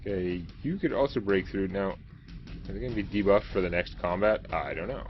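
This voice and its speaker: A man's voice: low voice, moderate pace, highs cut off. A man giving casual gameplay commentary as a let's play host, chatty and self-mocking as he thinks aloud. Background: game music.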